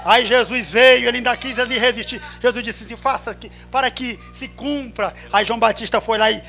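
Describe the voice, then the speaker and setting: A Brazilian man preaching a sermon at a church service, swinging from hushed storytelling to drawn-out shouts. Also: extremely high pitch, fairly even intonation, soft background music. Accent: Brazilian Portuguese.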